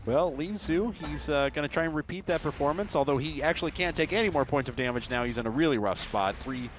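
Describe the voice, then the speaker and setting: A man's voice: on the high side, fast, slight background noise. A man giving live esports commentary in a conversational, analytical caster manner.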